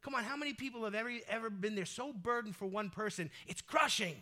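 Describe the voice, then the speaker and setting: A male pastor preaching a sermon in a conversational, energetic way that breaks into loud exhortations. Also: sits high, fast.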